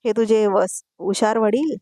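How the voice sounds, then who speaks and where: A woman's voice: medium pitch, measured pace, mellow, dry recording, natural voice. Woman reading a stern old-hand lady lawyer, scolding and reproachful, dry close sound. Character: stern veteran female defense lawyer.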